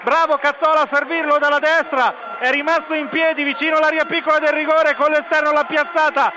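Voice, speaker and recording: A man giving breathless, excited live football goal commentary with drawn-out shouts, as a play-by-play commentator. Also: extremely high pitch. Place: outdoor stadium stand. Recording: outdoor stadium commentary with background noise. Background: stadium ambience noise.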